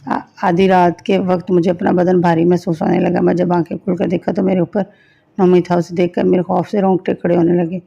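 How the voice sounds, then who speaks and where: A woman narrating a first-person dramatic story in a slow, steady reading. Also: fairly low pitch, vocal fry, slightly rough. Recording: dull lo-fi recording.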